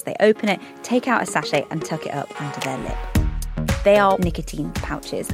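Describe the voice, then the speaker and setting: Woman hosting a news podcast over music. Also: on the low side. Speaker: podcast host. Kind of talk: scripted news podcast presenting.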